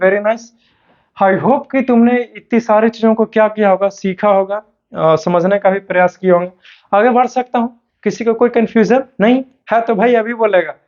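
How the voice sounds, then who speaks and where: A male teacher giving an online class lesson, switching between Hindi and English and reading questions out slowly word by word. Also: sits high. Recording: dull lo-fi sound.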